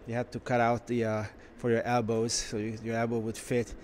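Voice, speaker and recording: A man who runs a car shop, walking through a car museum and giving casual, enthusiastic commentary with frequent pauses. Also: medium pitch, monotone, a little mellow, a little hiss or hum. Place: indoor car museum halls.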